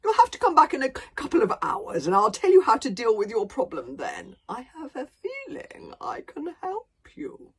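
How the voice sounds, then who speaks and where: A woman voicing a huge, sly, philosophical male dragon who talks slowly and theatrically, with cheerful menace. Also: mid-range voice, big pitch swings. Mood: sleepy.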